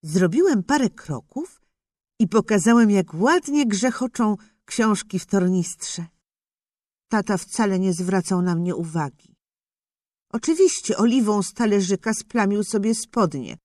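Expressive first-person children's story narrator. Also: mid-range voice, a little slow, no room sound, clean studio sound. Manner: expressive storybook telling as a young boy. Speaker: audiobook narrator.

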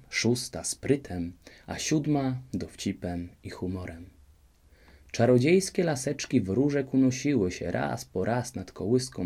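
A man narrates a fairy-tale audiobook with a lowish voice. His telling is lively and expressive, shaping each turn of the story. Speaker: audiobook reader.

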